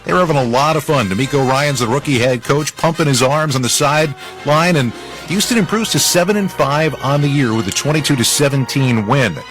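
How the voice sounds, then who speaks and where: A man's voice: medium pitch, brisk, fairly bright tone, faint music behind, low-quality recording. A man hosting a radio football roundup, narrating scores in a punchy, informal way with conversational asides. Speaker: sports radio highlights host.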